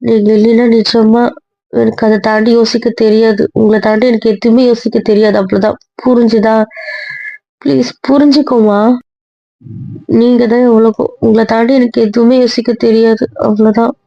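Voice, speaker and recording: A woman's voice: a little high, level tone, moderate pace, creaky, warm tone, no echo, muffled recording. A woman playing a young wife who keeps coaxing and pleading with her husband in an amateur audio drama.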